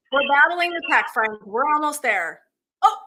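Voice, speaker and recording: Bright, bubbly woman hosting a live stream. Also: high-pitched. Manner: bubbly and effusive. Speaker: host.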